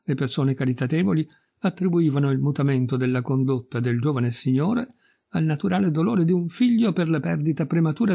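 A middle-aged man reading a classic story aloud in a measured, literary way, lifting his pitch a little for quoted speech. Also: gravelly, dark tone, slightly rough. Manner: measured literary reading, quoting characters with small pitch rises. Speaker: audiobook reader. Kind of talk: scripted narration of a classic tale.

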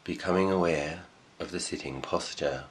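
A low-pitched male meditation teacher leads a guided session, speaking calmly in measured short phrases separated by long pauses.

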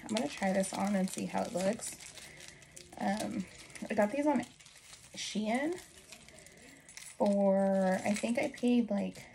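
A lifestyle vlogger in her thirties rambles through a casual get-ready-with-me chat, talking to herself while busy in a small bedroom indoors. Her mid-range, warm voice moves slowly with long pauses. The low-quality recording comes from a phone propped about arm's length away and has clear background noise and clicks.

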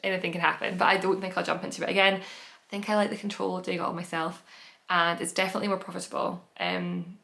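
A woman's voice: fairly low pitch, lively intonation, quick pace, vocal fry, fairly bright tone. A woman hosting a knitting podcast, chatting casually as she shows her projects, rambling with fillers and self-corrections. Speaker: knitting podcast host and pattern designer. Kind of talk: casual chatty show-and-tell.

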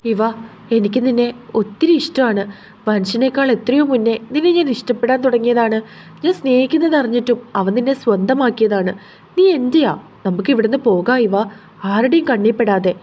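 A woman's voice: on the high side, animated, fairly quick, mellow. A woman reading the lines of an obsessive young man who pleads and turns menacing. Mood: pleading. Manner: pleading, possessive, then menacing.

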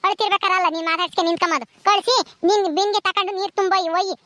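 A woman's voice: very high-pitched, steady tone, racing, a bit bright, no room sound. A woman playing an ailing, bossy village wife in a comedy skit, with a rural Karnataka Kannada accent and a nagging, scolding manner.

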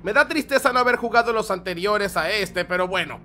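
A man's voice: sits high, a little fast, sharp tone, soft background music. A man hosting a gameplay video, chatty and dramatic, talking to viewers and crying out at the action on screen. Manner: chatty, dramatic, talks to viewers and cries out at the game. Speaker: gaming channel host. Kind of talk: excited let's-play commentary.

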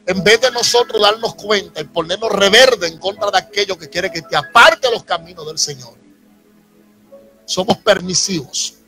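The audio is poor, but you can hear a Dominican pastor in his thirties preaching at normal speed in a voice that sits high. He stands in a church sanctuary with his congregation, handheld mic in hand, his emphasis climbing as he adds audience asides over soft instrumental backing.

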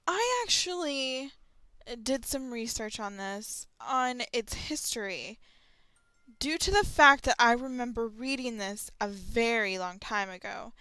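In her solo audio log, this young woman vlogger chats loosely and a bit hesitantly about horror stories. She has a fairly high, lively voice that moves at a measured pace, sharp yet smooth, recorded with no room sound.

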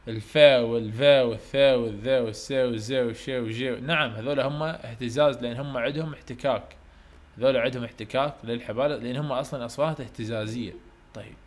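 A university English teacher with an Iraqi Arabic accent gives an online lecture in a mid-pitched voice, explaining in Arabic and reading English questions slowly and carefully. He quizzes his students, then answers the questions himself.

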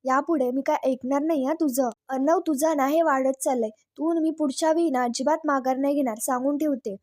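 A woman reading the lines of a stubborn, irritable elderly grandmother in a scolding manner, in a high voice. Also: steady tone, a little fast, darkish tone, no room sound, studio quality, natural voice.

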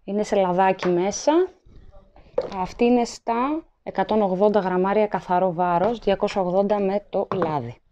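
A woman's voice: medium pitch, noisy background. A woman chatting casually as she shows her supermarket shopping to a handheld camera at home, listing items and weights. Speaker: vlogger. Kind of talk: casual haul vlog narration. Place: indoors at home, at a table. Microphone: handheld phone camera, filming items up close.

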